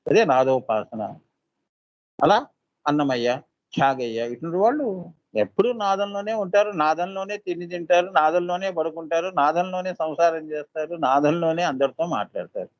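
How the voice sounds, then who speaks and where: Guru type guy, fairly high voice, keeps checking "right?", slow chanting bits, dry muffled sound. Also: no room sound. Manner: questioning, often asks listeners "right?"; chants seed syllables slowly. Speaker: spiritual teacher. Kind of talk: devotional discourse.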